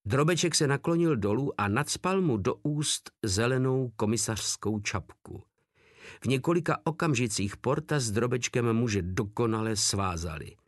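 A man's voice: mid-range voice, expressive, dry recording, studio quality. A man reading a novel aloud as narrator. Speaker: audiobook narrator. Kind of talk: scripted narration.

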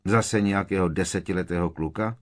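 A man voicing a sharp-tongued, defiant teenage boy who needles with sarcasm. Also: sits low, natural voice. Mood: mocking.

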